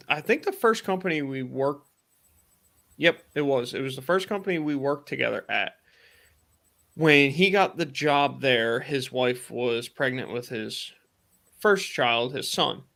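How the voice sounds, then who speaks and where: Bright-voiced man telling a work story. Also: slow pace, creaky, long pauses. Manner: animated retelling, acts out quoted dialogue in a higher, excited voice. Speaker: podcast host. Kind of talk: casual storytelling on a live stream.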